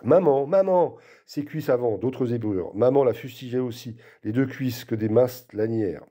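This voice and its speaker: A man reads literary prose aloud with a deep, mellow, very dark tone. He is expressive, shifting his voice to act out the quoted lines. His pitch sits in the middle range for a man. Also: moderate pace. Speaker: reader. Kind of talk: literary reading.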